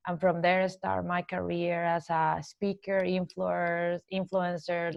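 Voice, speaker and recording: A woman from Colombia with a Colombian accent, a corporate trainer and coach answering podcast interview questions earnestly and laying out her ideas in measured steps. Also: fairly low pitch, creaky, no echo, muffled recording.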